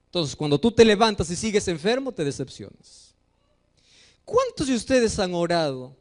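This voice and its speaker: A man preaching a sermon as pastor, animated, acting out the voices in his stories. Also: high-pitched. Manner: animated preaching, acts out dialogues in story.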